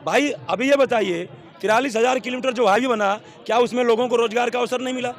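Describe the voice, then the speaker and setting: A man's voice: extremely high pitch, fast talker, a faint crowd. A man defending his side in a heated street debate outdoors, piling up examples insistently. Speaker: debate participant.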